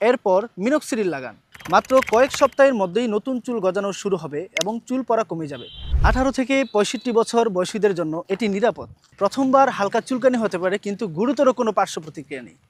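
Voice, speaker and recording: A man's voice: high voice, expressive, fast talker, a little hiss or hum. A man reading a scripted promotional voice-over in an upbeat, salesy manner. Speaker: advertisement voice-over.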